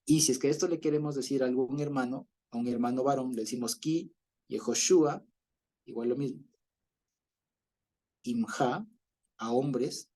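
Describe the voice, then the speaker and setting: A man's voice: medium pitch, normal speed, pauses often, dark tone. A man teaching an online Bible class over a video call, explaining patiently, often checking in with listeners and chuckling as he goes.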